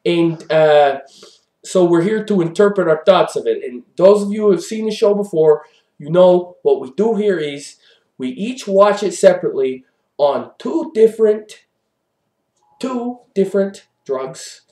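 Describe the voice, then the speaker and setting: A man's voice: high voice, animated, measured pace, warm tone. Man hosting improv comedy, echoey room. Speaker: comedy show host.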